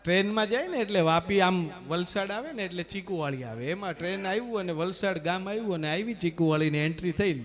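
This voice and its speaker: A man telling folk jokes on stage in a lively manner. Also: sits high, fast talker, few pauses. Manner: lively joke telling with acted voices, stammering bits for laughs. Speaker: folk storyteller and comedian. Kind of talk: Gujarati folk comedy storytelling on stage.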